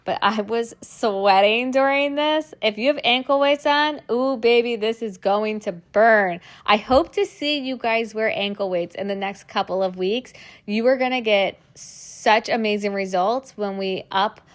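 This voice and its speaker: Speaking unhurriedly in a slightly high voice, a young fitness instructor talks her class through the moves and cheers them on. She's exercising alongside them, and her voice is strained from the exertion.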